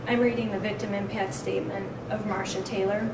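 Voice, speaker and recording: A woman victim advocate reading a victim impact statement aloud in a steady, measured way, captured in a courtroom recording. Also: mid-range voice. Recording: echoey courtroom, distant mic, noise.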